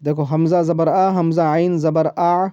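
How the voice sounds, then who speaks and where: A man teaching a one-on-one Quran reading lesson, patiently explaining rules and repeating syllables slowly so they can be copied. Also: a little high, little pitch movement, mellow, clean tone, no room sound. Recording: dull lo-fi, dry sound.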